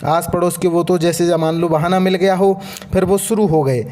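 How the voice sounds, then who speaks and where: A man narrating a family story in a steady, plain reading voice. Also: high voice, normal speed.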